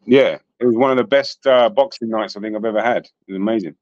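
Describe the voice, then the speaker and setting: A man's voice: fairly low pitch, fast, darkish tone, dry recording. English guy, 30s, guest on a muffled dry video call, chatty, casual boxing talk. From England. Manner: chatty, trailing restarts, says bro and mate. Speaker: guest boxing channel host. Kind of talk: casual chat. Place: small room indoors. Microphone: video call webcam. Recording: dull lo-fi call audio, dry.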